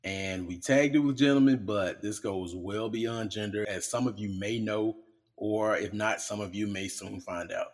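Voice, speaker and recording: A man hosting his own podcast in a home studio, talking casually in a blunt, profane, joking way. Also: lowish voice. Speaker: podcast host. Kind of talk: casual solo podcast talk.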